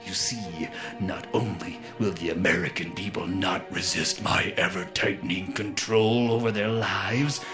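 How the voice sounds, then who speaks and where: Gloating cartoon supervillain, pompous, slow delivery, sweeping intonation, music behind. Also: male voice, lowish voice. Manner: pompous, deliberate. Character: gloating, grandiose male supervillain mastermind.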